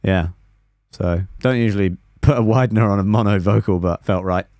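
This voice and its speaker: Talking briskly into a studio mic on a boom arm, a young man walks through one of his tracks in a small home studio. This music producer keeps it relaxed and explanatory, scatting melodies as examples, and his lowish voice comes through on a dry recording.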